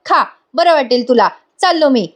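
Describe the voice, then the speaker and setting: A woman's voice: high voice, animated, normal speed. A woman reading the lines of a strict, bossy young male fitness trainer who barks impatient orders. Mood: impatient, scolding.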